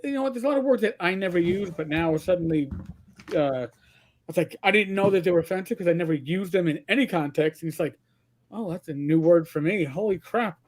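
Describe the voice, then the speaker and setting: An older man from Queens with a New York accent talks in a noticeably high register and at a fairly quick pace. He hosts a casual livestream, rambling, tripping over repeated words, and swearing freely.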